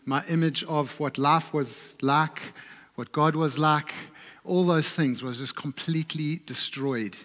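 A man preaching a sermon, telling a personal story in a reflective way and often dropping his voice low and soft. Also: big-room sound. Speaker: pastor. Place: church.

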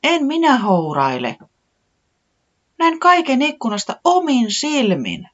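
Casting: fretful little sick chick, high and wavering, as a reader puts it on; muffled recording. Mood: excited. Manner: high, excited and complaining. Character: small sick worried chick, easily upset.

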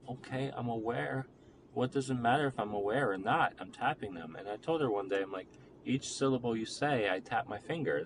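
A young man talking through a relationship problem in a halting, rambling, reflective way with many fillers. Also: on the low side. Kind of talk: personal monologue about a relationship. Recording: noticeable background noise.

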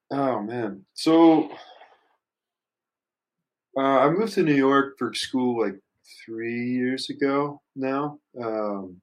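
A man in his early twenties, with a medium-pitched voice on a rough recording, chats casually and reflectively as a musician guest in an interview. He rambles thoughtfully and uses youthful slang.

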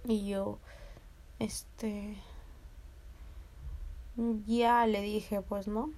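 A woman's voice: mid-range voice, extremely slow. A young woman with a Peruvian accent telling a personal story casually, laughing and acting out the voices of others. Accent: Peruvian Spanish. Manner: animated, laughing, swearing, acting out quoted voices. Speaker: vlogger.

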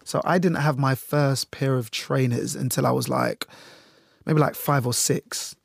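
A radio journalist from Jamaica who later moved to the UK speaks candidly and chattily in an interview, sharing personal anecdotes and often acting out imagined quotes. His medium-pitched voice is steady, unhurried, gravelly and slightly rough, recorded at studio quality with no room sound.

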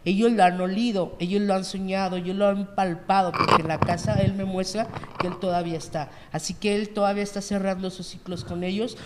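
A man's voice: sits high, fairly even intonation, brisk, hardly any pauses. A man, a medium speaking earnestly as a talk-show guest and repeating phrases for emphasis. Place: studio set. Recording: long hall reverb, faint noise.

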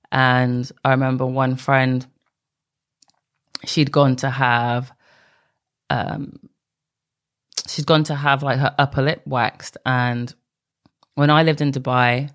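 In a solo podcast monologue, an adult woman speaks frankly and conversationally, now and then straying from the point. Her extremely low voice sounds clear and resonant.

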